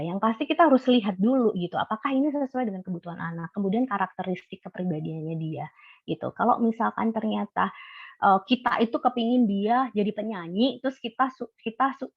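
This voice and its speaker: A woman's voice: a little high, dry recording. Chatty Javanese woman doctor on a call. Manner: chatty, explains with examples, many fillers and restarts. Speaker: doctor and guest speaker. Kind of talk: casual webinar talk. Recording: dry, slightly muffled call audio.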